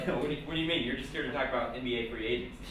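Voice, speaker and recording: A man hosting a live sketch comedy show, chatty and quick to laugh. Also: medium pitch, fairly bright tone, slight background noise. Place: live theater stage. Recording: echoey live room, mic far off.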